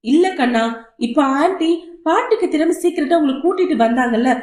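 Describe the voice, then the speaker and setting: A woman as a gentle soothing mother. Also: high voice, lively intonation, brisk. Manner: soft, soothing, reassuring. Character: gentle loving young mother. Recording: roomy echo.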